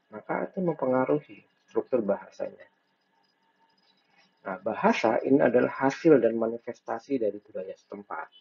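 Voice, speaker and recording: A man's voice: fairly low pitch, gravelly, husky. A man giving a recorded lecture, thinking aloud with frequent fillers and restarts. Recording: dull lo-fi recording.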